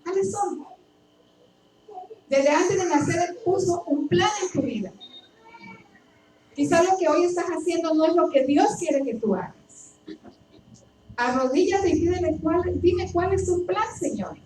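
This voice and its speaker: A woman's voice: very high voice, measured pace, long pauses, dark tone. A woman preaching a sermon, telling her own story and asking emphatic questions with much repetition. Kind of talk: sermon with personal testimony. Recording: echoey and distant, faint background noise.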